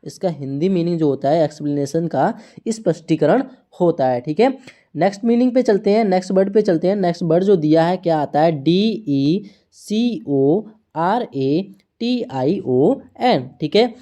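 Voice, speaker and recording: A woman teaching English words to students, speaking slowly and repeating each word, spelling them out letter by letter and asking questions she answers herself. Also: lowish voice, dark tone. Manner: slow, repetitive teaching, frequent checks and questions to students. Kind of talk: online language lesson.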